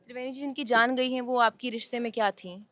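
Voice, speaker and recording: A woman reporter conducts field interviews for the news. She asks probing questions at an even, ordinary pitch, pressing her interviewees for answers. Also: fast.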